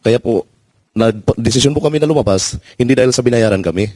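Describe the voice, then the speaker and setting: A former soldier speaking on a panel, earnest and pleading, polite and respectful. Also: male voice, medium pitch, quick pace, mellow, no echo. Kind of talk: personal testimony in a panel.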